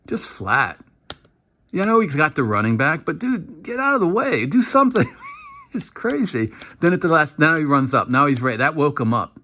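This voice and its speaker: A man giving casual, animated commentary while breaking down football game film, now and then acting out what the players shout. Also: mid-range voice. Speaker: football analyst.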